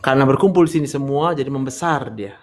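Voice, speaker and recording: A man's voice: medium pitch, quick pace. A man lecturing a medical class, firing questions at students, teasing them and joking bluntly. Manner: quizzing students, joking, brash direct address. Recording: roomy echo, faint room noise.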